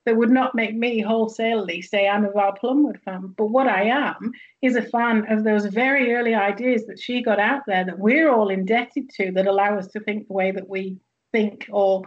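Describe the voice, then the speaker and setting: A woman's voice: mid-range voice, dull audio. A woman from the northwest of England with a Northern English accent, speaking thoughtfully as a guest sociologist, with many fillers and restarts. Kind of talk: academic interview conversation.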